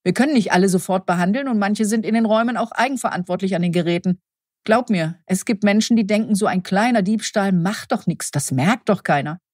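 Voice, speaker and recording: An indignant, gossipy female nurse in a spoken crime story, read by a woman. Her voice is slightly husky, and the recording is dry. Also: mid-range voice, a little fast, darkish tone, no echo, lightly acted.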